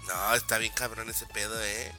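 A man's voice: lowish voice, steady tone, normal speed, sharp tone, faint music behind. A young Mexican man in casual chat, joking crudely and talking in heavy slang.

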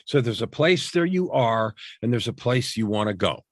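A man's voice: animated, normal speed, no room sound. Earnest motivational man, dry sound. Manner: earnest, repetitive, drops to a low emphatic voice on key phrases. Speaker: coach, podcast guest. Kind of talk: motivational interview talk.

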